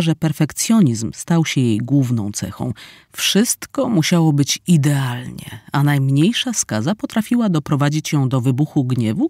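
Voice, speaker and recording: A man reading an audiobook as scripted narration, expressive with an ironic storytelling manner. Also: on the high side, no room sound, studio quality. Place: studio.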